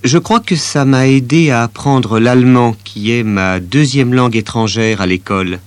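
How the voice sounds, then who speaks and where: A man playing a French teenage boy in a scripted listening exercise, speaking calmly and plainly. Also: mid-range voice, moderate pace, dry recording, natural voice. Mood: steady. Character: young French teenage boy telling about languages.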